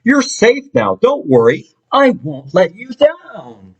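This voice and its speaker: A man's voice: sits high, slow, husky, dull audio, voice pushed up, heavily acted. Horton, a man doing an earnest elephant. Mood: reassuring. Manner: earnest, steady and caring. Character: kind gentle male elephant, earnest and protective. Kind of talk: storybook read-aloud.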